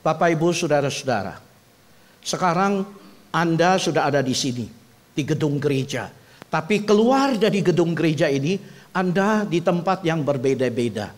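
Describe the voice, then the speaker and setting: A pastor, preaching a sermon in a church. He talks to the congregation in a chatty way, asks them direct questions, and builds up to loud, emphatic peaks. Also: fairly high pitch, expressive, normal speed. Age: 70s. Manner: conversational preaching that swells to loud emphatic climaxes.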